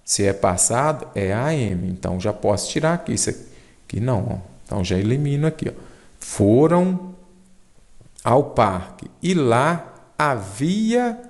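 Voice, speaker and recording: A man's voice: on the low side, expressive, a little fast, vocal fry, darkish tone. A Brazilian man teaching an exam-prep grammar lesson, explaining step by step and checking in with his students.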